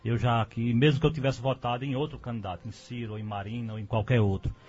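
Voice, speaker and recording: A man of middle pitch speaking firmly and steadily as a radio debate guest. The sound is dull and lo-fi, with faint music behind him. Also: steady tone, fast talker, darkish tone, husky. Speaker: guest commentator.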